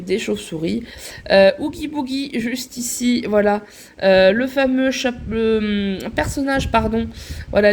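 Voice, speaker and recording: A woman with a mid-range, slightly mellow voice chats casually in a show-and-tell vlog, showing off items from her collection. She is chatty, using lots of fillers and little "hop" and "voilà" asides, and there is slight background noise.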